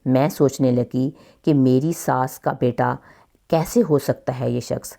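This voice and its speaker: A woman narrating a scripted first-person moral story in a steady, even reading voice. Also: very deep voice, vocal fry.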